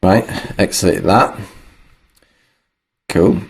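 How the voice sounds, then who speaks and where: A man's voice: low-pitched, drawn-out words, slight background noise. A man talking through a music production tutorial in a loose, thinking-aloud way, with plenty of fillers. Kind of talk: casual screen-recorded tutorial.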